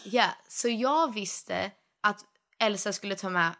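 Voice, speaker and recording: A young woman chatting casually with a friend, telling a story with lots of life. Her voice sits at a middle pitch, and she mixes English phrases into her talk. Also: a bit bright. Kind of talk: casual chat.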